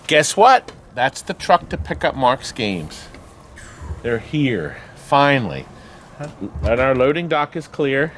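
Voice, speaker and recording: A man's voice: medium pitch, sing-song, slow pace, fairly bright tone, slight background noise. A man hosting a casual walk-through tour video, chatty and rambling with jokey asides. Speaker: host giving a video tour of his arcade business. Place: indoors in an arcade game warehouse.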